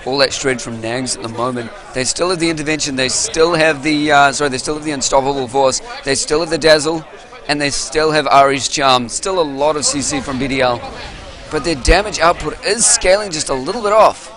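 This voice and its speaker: A man casting a live esports match, excitable and rambling, losing his voice, at a venue with an audience. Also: on the high side, brisk, some chatter behind. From New Zealand. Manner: excitable, rambling, self-interrupting. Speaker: esports caster.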